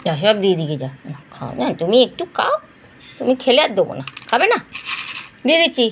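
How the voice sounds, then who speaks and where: A woman filming her pet dogs, gently coaxing and scolding them in casual talk. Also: a little high, big pitch swings, quick pace, slight background noise. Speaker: pet owner vlogger.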